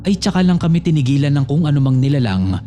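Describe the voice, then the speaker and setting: A man's voice: on the high side, big pitch swings, fast, warm tone, faint music behind. A man narrating a true horror story submitted by a listener, reading it in the first person as a scripted storytelling piece. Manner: storytelling, reads a listener's letter addressed to the host.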